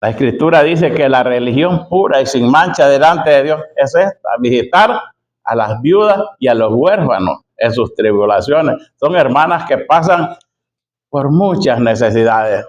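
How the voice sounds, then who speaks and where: Slow, emphatic preacher man. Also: medium pitch, expressive, lo-fi sound. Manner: emphatic, repeats key phrases slowly; addresses listeners as brother and sister. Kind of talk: sermon.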